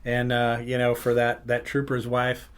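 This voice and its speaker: A man's voice: medium pitch, monotone, moderate pace, clear, resonant tone. A middle-aged man hosting a podcast, telling a rambling, self-interrupting road-trip story in casual chat. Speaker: podcast host.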